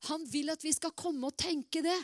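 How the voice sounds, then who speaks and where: A middle-aged woman delivers a sermon in a lively, conversational style, full of asides and repeated words. Her voice is high-pitched, and the sound is clean studio quality with no echo.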